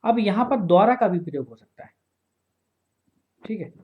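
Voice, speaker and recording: A man teaching a grammar lesson for exam prep, slowly repeating phrases and often checking that listeners follow. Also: high voice, lively intonation, phone-quality sound.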